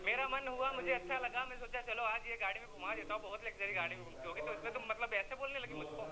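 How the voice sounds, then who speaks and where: A man's voice: very high-pitched, rapid-fire, crowd noise. A man hosting a prank vlog, teasing and arguing in casual banter. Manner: teasing and argumentative. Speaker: prank vlogger.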